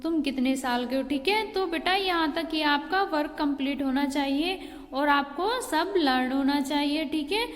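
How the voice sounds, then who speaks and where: Patient woman teacher for a kids' class, high voice, recorded in a reverberant room. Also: measured pace, soft background music. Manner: patient, repeats "ठीक है" and "बेटा" to pupils. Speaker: school teacher. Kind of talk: online Hindi class lesson. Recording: long hall reverb.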